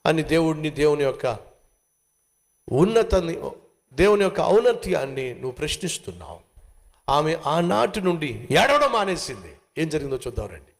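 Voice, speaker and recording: A man's voice: on the high side, very animated, normal speed. A male pastor preaching a sermon, with emphatic repetition and direct questions to the listeners.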